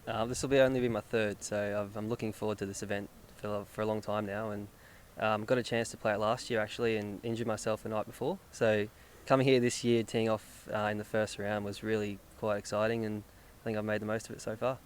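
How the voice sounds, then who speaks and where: Young Australian male golfer interviewee, fast, little pitch movement, some noise behind. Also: little pitch movement. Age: young adult. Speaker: amateur golfer being interviewed. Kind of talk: post-round sports interview.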